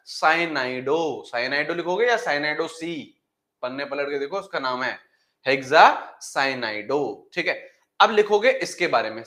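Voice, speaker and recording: A man's voice: a little high, a bit bright. A male chemistry teacher in a classroom, asking his students questions and repeating key steps. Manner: addresses students as "beta", asks questions and repeats answers; drills step by step, repeating key words.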